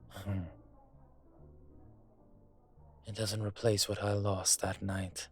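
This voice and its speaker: A man plays a vengeful yet courteous and brooding dragon mafia boss during an intimate dinner conversation in an audio roleplay drama. Husky and low, he sounds grim and resolute, speaking in a measured, hesitant way with frequent pauses.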